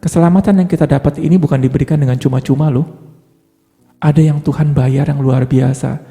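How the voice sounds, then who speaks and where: A man's voice: on the high side, fairly even intonation, brisk, vocal fry, dark tone. A man preaching a sermon with an Indonesian accent, in a conversational style full of rhetorical questions and playful asides. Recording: long hall reverb with faint music.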